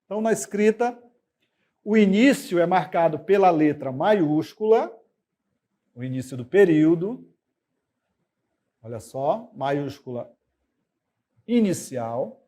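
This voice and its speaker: Warm-voiced Brazilian male teacher. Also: on the high side, animated. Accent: Brazilian Portuguese. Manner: explaining slowly with many fillers and checks like "ok?". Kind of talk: recorded classroom lesson.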